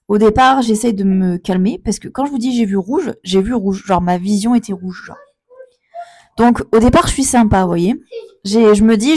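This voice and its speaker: A woman's voice: medium pitch, mellow. A woman in a casual storytime vlog, retelling a confrontation as an indignant, emphatic mother who repeats her points.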